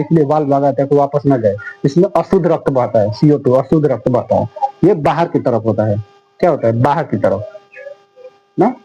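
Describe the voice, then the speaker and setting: A man with a mellow, husky voice on the high side teaches a class casually and repetitively, asking questions and answering them himself. The recording is dull and lo-fi, with faint music.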